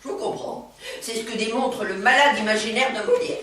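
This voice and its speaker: A woman's voice: fairly high pitch, bright, forceful tone, slight background noise. An actress playing an exuberant older woman, a former actress, who talks in a chatty, theatrical way on a theatre stage. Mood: lively. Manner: chatty, theatrical, quick-witted. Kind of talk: stage comedy performance. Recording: roomy stage sound from far off.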